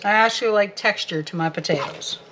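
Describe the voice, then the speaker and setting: A woman's voice: medium pitch, fairly quick, very noisy. Chatty woman in her home kitchen. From Canada. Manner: chatty, giggly, talks to viewers while working. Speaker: homestead vlogger. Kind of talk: casual cooking vlog.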